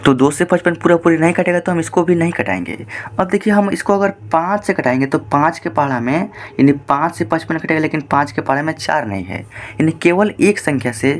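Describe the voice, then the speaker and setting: A man's voice: a little high, expressive, fairly quick, hardly any pauses. A man teaching fractions step by step, patient and repetitive, asking rhetorical questions as he works through each problem. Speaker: math teacher. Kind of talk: explaining math step by step.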